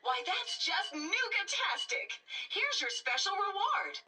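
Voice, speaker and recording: A woman's voice: extremely high pitch, very animated, slow, far from the mic, background noise, full character voice. A woman voicing a cheerful female park guide robot with a machine voice, peppy and salesy. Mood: chirpy. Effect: machine voice of a talking park kiosk robot.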